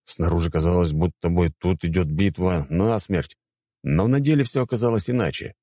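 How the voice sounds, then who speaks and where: A man narrates an audiobook in a wry, conversational way, in a low and mellow voice. The recording is close and dry, with no room sound. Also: normal speed, no echo.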